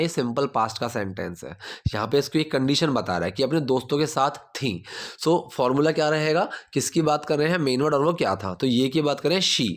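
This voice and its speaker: A man teaching English grammar in Hindi, explaining step by step and saying the English example sentences slowly. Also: mid-range voice. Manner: explains step by step, checks with "theek hai?".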